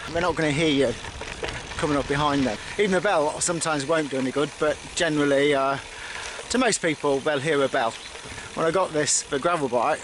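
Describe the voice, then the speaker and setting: Rambling man talking while cycling outdoors. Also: on the high side. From United Kingdom. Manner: rambling, many restarts and fillers. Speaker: cycling vlogger. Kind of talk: casual talk while riding. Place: outdoors on a bike path. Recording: outdoor wind and road noise.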